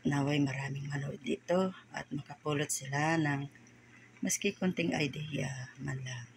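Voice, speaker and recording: A woman hosting a casual home cooking vlog, talking in a slow, chatty and thankful way, her voice muffled by a face mask. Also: deep voice, creaky, a little hiss or hum. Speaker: home cook vlogger.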